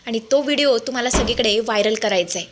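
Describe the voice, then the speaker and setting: A woman's voice: on the high side, fast talker, noisy background, lightly acted. A woman voicing a scheming middle-aged mother who bosses her daughter around in a condescending tone. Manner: commanding, condescending.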